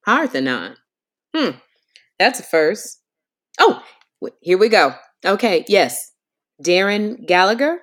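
A woman's voice: medium pitch, very animated, slow pace, pauses often, a bit bright, exaggerated voice. A woman playing an unflappable, officious airline agent with a polished customer service voice in a comedic phone drama. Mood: procedural, unruffled.

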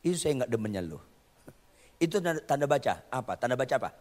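A man preaching a lively sermon, quizzing his congregation and tossing in jokey asides, in a church hall. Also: medium pitch, fast. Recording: long reverb of a church hall.

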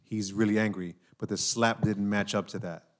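A man from New York talks through a podcast conversation in a lowish voice. He is animated and loose, circling back on his points with fillers and tag questions. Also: moderate pace. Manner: animated, talks with hand-wavy fillers and repeats himself. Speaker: podcast host. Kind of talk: casual chat.

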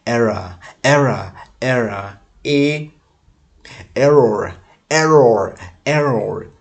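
A man's voice: mid-range voice, lively intonation, gravelly. A man performing spoken word art, stuttering and repeating words like a glitching robot. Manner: slow, chanting repetition.

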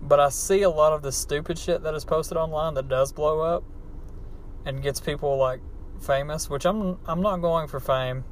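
A man with a fairly high voice and an Appalachian hillbilly American accent records a podcast monologue inside a car, at normal speed with fairly even intonation. It's casual, unscripted, profane and self-deprecating, and the amateur setup picks up background car noise.

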